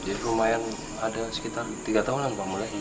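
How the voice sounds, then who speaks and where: A man's voice: on the low side, fairly even intonation, fast, roomy sound, over music, poor audio. A man chatting casually as a local guide. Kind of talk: casual chat. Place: school building at night. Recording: clear night insect noise behind.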